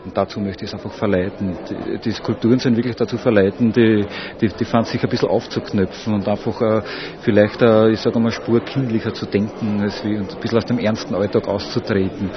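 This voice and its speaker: A man's voice: lowish voice, steady tone, a little fast, noisy background. A man with an Austrian accent talking spontaneously in an interview, searching for words and repeating himself. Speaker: artist interviewee. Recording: dull recording, busy crowd behind.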